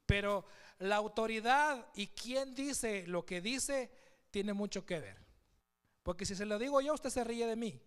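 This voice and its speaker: Male pastor, high smooth voice, reads scripture aloud, questions the room. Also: lively intonation, unhurried, fairly bright tone. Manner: asks the congregation questions. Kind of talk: sermon. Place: church.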